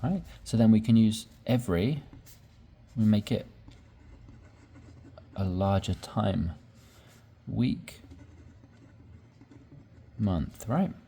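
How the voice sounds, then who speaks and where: A man teaching English, slowly explaining sentence patterns and repeating examples with patience. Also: on the low side, vocal fry, dark tone, slightly rough. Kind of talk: slow explanatory lesson.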